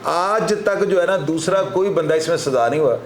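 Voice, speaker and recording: A man's voice: a little high, lively intonation, normal speed, over a noisy crowd. A man with a Pakistani Urdu accent, a senior crime analyst explaining legal points in an emphatic, lecturing way on a talk show. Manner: lecturing, emphatic, frequent filler 'jo hai na'. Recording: echoey room with faint noise.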